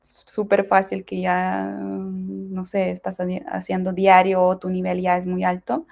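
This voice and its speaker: A young Ukrainian woman, a guest in a relaxed interview, speaking with a Mexican Spanish accent. She talks chattily, laughs often and restarts words mid-sentence. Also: on the low side, unhurried, vocal fry. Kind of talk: casual interview chat.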